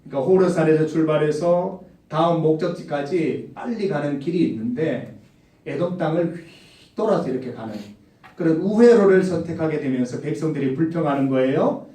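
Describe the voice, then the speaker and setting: High-voiced male preacher in an echoey hall. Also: normal speed. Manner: animated, asks the congregation direct questions. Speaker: pastor. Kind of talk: sermon to a young adults' service. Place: church sanctuary. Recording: echoey hall, mic some distance off.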